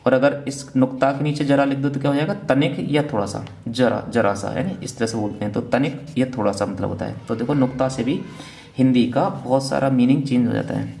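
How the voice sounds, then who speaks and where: Gravelly-voiced man teaching a lesson. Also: medium pitch, fairly even intonation, brisk, mellow. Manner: asks question then answers it; repeats "theek hai na" as a check-in. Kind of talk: exam revision lecture.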